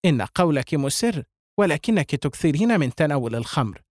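A man reading the part of a composed, elegant woman in an audiobook, calm and gently reproving. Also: on the high side, fairly quick, no echo, clean studio sound.

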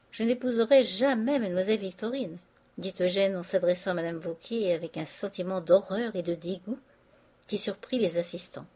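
A woman narrating a classic novel as an audiobook in a measured, expressive way. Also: fairly low pitch, husky. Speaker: audiobook reader.

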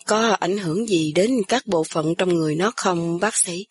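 A woman's voice: lowish voice, normal speed, lightly acted. A woman voicing an older woman, an anxious aunt who speaks through tears. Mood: tearful. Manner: tearful, pleading.

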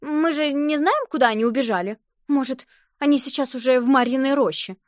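A woman's voice: high-pitched, a little fast, dry recording, studio quality, close to an everyday voice. A woman voicing a guilty, worried schoolgirl who doubts the plan. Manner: anxious, doubtful.

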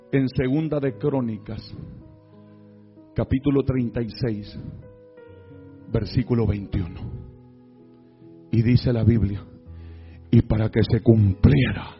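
A man preaching a fervent sermon as pastor, swinging from quiet to shouting. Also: medium pitch, highs cut off.

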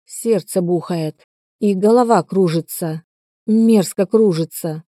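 A woman's voice: lowish voice, takes it slowly, dark tone, no room sound, studio quality. A woman voicing a sickly, spoiled young man who complains weakly and childishly. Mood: weak frightened.

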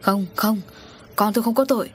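A woman's voice: medium pitch, fairly quick, a little hiss or hum, voice pushed up, natural voice. A woman voicing a guilt-stricken middle-aged father in an audio story. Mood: anguished. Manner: anguished, pleading.

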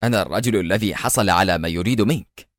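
A composed male secret agent who mocks his enemy in a low, even-keeled voice, as a man reads him in an audiobook thriller. His sarcasm stays cool and controlled. The recording is dry and close. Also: quick pace, dry recording, natural voice. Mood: sarcastic calm. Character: calm, mocking male secret agent hero.

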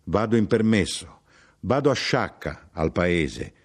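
A man's voice: deep voice, animated, takes it slowly, husky, heavily acted. A man voicing a chatty, contented middle-aged male clerk who is eager and friendly and keeps explaining himself. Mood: cheerful.

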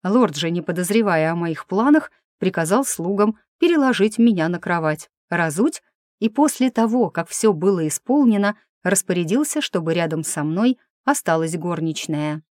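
A woman's voice: on the low side, expressive, moderate pace, darkish tone, no echo, clean studio sound. A woman narrating a first-person audiobook in a wry, ironic manner.

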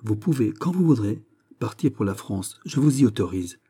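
A man's voice: lowish voice, animated, normal speed, warm tone, husky. A man reading aloud, voicing a stern middle-aged king with a commanding, raised voice.

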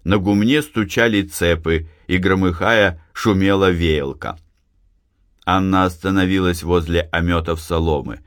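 Low-voiced man reading a story. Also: a little slow, dry recording, clean studio sound. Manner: expressive storytelling. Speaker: narrator. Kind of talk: audiobook reading.

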